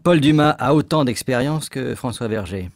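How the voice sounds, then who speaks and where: Man in a dry, measured textbook dialogue. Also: mid-range voice, expressive, no room sound. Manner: clear, measured reading. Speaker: dialogue actor as hiring manager.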